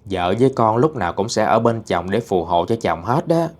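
A man voicing the ghost of a young wife, soft and consoling. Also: on the low side, lively intonation, moderate pace, faint music behind, close to an everyday voice. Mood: tender.

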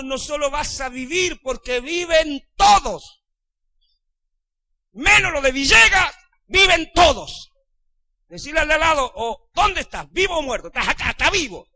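A man with a Rioplatense Spanish accent, a pastor preaching a sermon in a church. He swings from hushed lines to shouting and keeps calling on the congregation to answer. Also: very high voice, dry recording. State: sweating and losing his voice.

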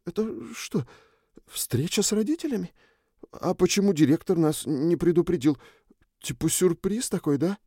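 A man's voice: high-pitched, expressive, moderate pace, mellow, no echo, studio quality, voice pushed up. A man voicing a timid, awkward young man who talks nervously, stammers and pleads.

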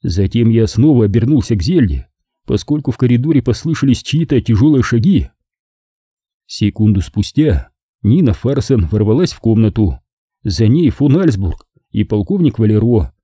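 A male narrator tells a first-person crime story in a measured, dramatic way. His voice is dark, mellow and husky, with lively rises and falls, recorded close and dry. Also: mid-range voice, no echo. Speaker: audiobook narrator. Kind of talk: first-person detective novel reading.

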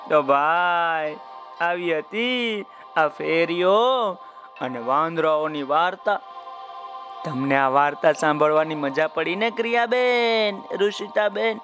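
A man telling a folk tale to children, speaking directly to his young listeners. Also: a little high. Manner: warm, addresses young listeners directly by name. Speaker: children's storyteller. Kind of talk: children's story narration.

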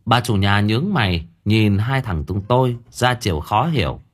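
A man reading a first-person audio story in a lively, colloquial way. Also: lowish voice, moderate pace. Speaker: narrator.

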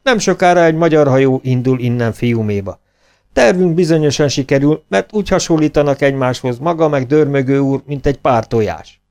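A man's voice: mid-range voice, darkish tone, pitched above the performer's own voice, lightly acted. A man voicing an eager, scheming male helper in a storybook, talking in an urgent, conspiring way.

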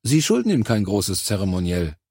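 A man's voice: fairly low pitch, huge pitch swings, normal speed, dark tone, husky, no room sound, clean studio sound, exaggerated voice. A male audiobook reader voicing a blunt, hard-nosed male officer who gives cold advice and needles others. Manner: blunt, needling, matter-of-fact. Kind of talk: audiobook character voice.

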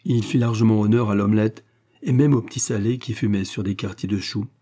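A man reading a novel aloud as an audiobook narrator, steady and even. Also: fairly low pitch, fairly quick.

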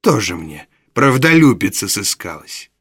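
A sly old crook who purrs his words softly with false politeness, as a man puts him on. The voice drops below the narrator's own and goes hushed. Told as a storybook reading. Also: fairly low pitch, sing-song, unhurried, slightly rough, dry recording, studio quality, exaggerated voice. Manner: soft, ingratiating, mock-polite. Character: sly, wheedling old male gang leader.

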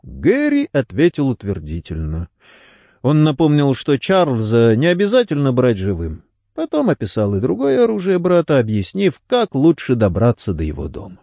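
A man reading a novel aloud as an audiobook narrator, expressive and switching between character voices. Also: mid-range voice, moderate pace, no echo, clean studio sound. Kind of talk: scripted narration.

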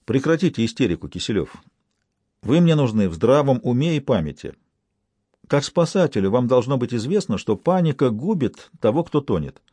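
A man reading an audiobook, voicing a calm male private detective who speaks evenly and dryly. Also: medium pitch, normal speed, slightly rough, no room sound. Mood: stern. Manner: calm, even, dry.

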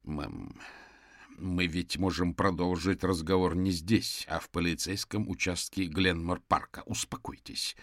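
A weary, stern detective questions a suspect, as a man plays him. His voice is very deep and clipped. The sound is dry and close. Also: steady tone, measured pace, fairly bright tone, no echo. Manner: curt, impatient commands. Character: tired, stern male detective.

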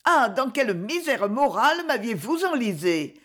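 A woman voicing a terrified, defiant young widow whose voice comes out hoarse and trembling. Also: on the high side, big pitch swings, normal speed, fairly bright tone, voice pushed up. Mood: horrified.

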